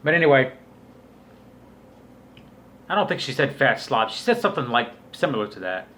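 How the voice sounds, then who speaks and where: A man's voice: mid-range voice, sing-song, normal speed, bright, forceful tone. Crude, scornful man rambling in a vlog. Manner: crude, profanity-laden, scornful. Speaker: YouTube vlogger. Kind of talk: casual rambling commentary rant.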